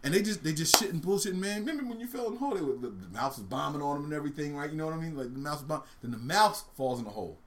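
A man's voice: on the high side, very fast, few pauses. A man on a casual talk show, telling a long joke with lots of laughs and shrieking voices. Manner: animated, laughs a lot, shrieks during voiced parts of jokes.

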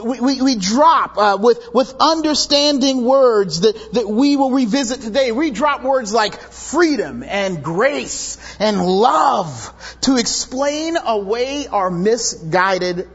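Man, pastor preaching, chatty and self-mocking, breathy voice, muffled recording. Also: very high-pitched, expressive, slow pace, few pauses. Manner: conversational, self-deprecating, with playful asides to the congregation. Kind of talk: sermon. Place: church sanctuary. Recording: dull, long-reverb hall recording.

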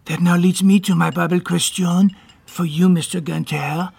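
A man's voice: sits high, steady tone, moderate pace, vocal fry, a little mellow, slightly rough, dry recording, full character voice. An actor playing a courteous, inquisitive French man with a French accent, speaking in a formal, polite way in a radio drama. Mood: courteous, curious.

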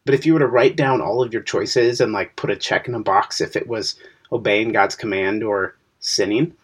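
A man's voice: lowish voice, normal speed, breathy edge. A man co-hosting a podcast, explaining a Bible passage in casual discussion and posing questions to the listener. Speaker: podcast co-host.

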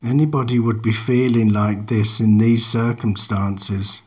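A man narrating a guided meditation in a calm, measured, unhurried manner, leaving long pauses between instructions. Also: lowish voice.

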